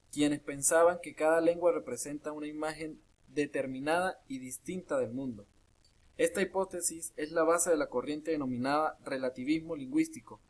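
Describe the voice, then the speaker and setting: A man's voice: on the high side, a little mellow. Man reading a grammar lesson aloud. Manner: measured, list-like reading with small restarts. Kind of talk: read-aloud lesson narration.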